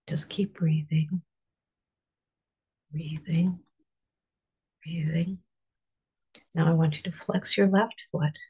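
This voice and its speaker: A relaxation guide leading a guided muscle relaxation in a soft, calm, partly whispered voice, counting slowly to five between steps. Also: medium pitch, slightly rough, dull audio.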